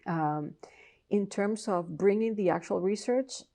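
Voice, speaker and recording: Here a Colombian woman, a professor and researcher appearing as an interview guest, speaks in a Colombian Spanish accent. Her voice is medium in pitch, unhurried and warm. Her answers are earnest and explanatory, and she restarts often.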